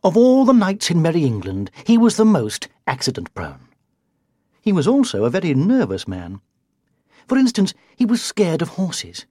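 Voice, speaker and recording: A storybook narrator with a husky, breathy voice that swings widely up and down as the tale unfolds. The reading is expressive and sometimes sinks to a whisper for effect. The sound is dry and close. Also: mid-range voice, moderate pace, no room sound.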